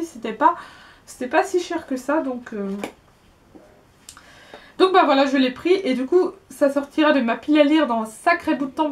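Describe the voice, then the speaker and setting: A young woman in her twenties chatting casually in a haul vlog, hesitant and prone to repeating herself. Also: high-pitched. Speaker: book vlogger.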